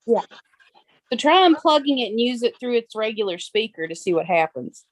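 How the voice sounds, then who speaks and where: A woman's voice: on the high side, big pitch swings, moderate pace, dry recording, poor audio. A woman taking part in a live paranormal session, talking in casual conversation. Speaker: participant in a live spirit box session. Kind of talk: casual chat.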